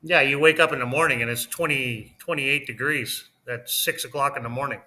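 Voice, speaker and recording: A man co-hosting a casual livestream chat from his home, talkative and quick to laugh. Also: mid-range voice, pushed and bright. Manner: chatty, laughs often. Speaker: livestream co-host. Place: home in Mexico.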